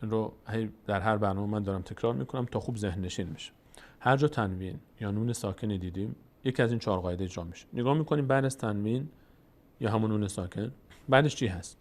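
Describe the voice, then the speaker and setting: Patient Tajik-accented man teaching recitation. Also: fairly low pitch. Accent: Tajik-accented Persian. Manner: patient, repeats letters and drawn-out sounds for practice. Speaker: Quran reading teacher. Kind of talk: step-by-step recitation lesson.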